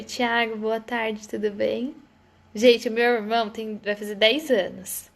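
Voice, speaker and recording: Woman chatting on a live stream, saying hi to everyone joining, bit gravelly, kinda high voice. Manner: chatty, greets viewers by name. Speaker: live stream host, therapist. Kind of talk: casual live stream chat.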